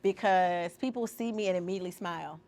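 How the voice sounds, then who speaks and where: A woman's voice: on the low side, fast talker, darkish tone. A woman artist talking as a podcast guest, telling stories expressively and acting out the voices she quotes. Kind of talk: interview conversation.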